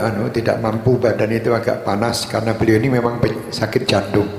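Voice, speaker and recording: A man giving a calm religious talk, recalling past events unhurriedly. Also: medium pitch, creaky. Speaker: religious leader. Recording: echoey hall with long reverb.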